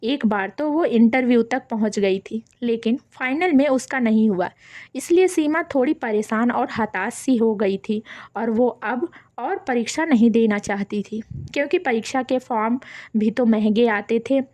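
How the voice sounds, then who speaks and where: A woman's voice: a little high, moderate pace, a little mellow, no echo. A woman telling a family moral story, reading the characters' lines in her own voice.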